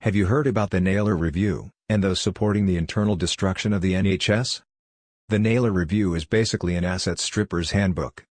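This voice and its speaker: A man's voice: sits low, steady tone, a little fast, a little mellow, no echo. A man delivering an indignant, campaigning commentary voice-over. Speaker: channel narrator.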